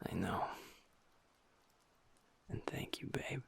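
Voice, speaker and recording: A man voicing Ash, a gentle young werewolf boyfriend and pack beta, weighed down by guilt, talking softly and intimately to his partner in an audio roleplay. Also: slow, whispered, lightly acted. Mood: subdued. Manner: soft, hushed, intimate talk to a partner.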